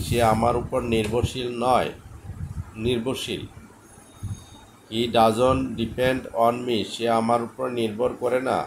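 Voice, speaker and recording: A man with a Bengali accent teaching English, reading each sentence very slowly and then translating it. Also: medium pitch, a little hiss or hum, rough recording. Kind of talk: slow drilled language lesson.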